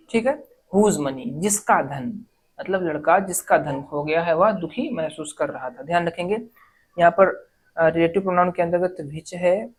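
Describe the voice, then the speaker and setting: A woman teaches a grammar lesson for exam preparation. Her voice sits a little low. She reads each example sentence slowly, word by word, then goes back over it step by step. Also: a little mellow, breathy edge, low-quality recording. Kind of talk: exam-prep lesson explaining errors.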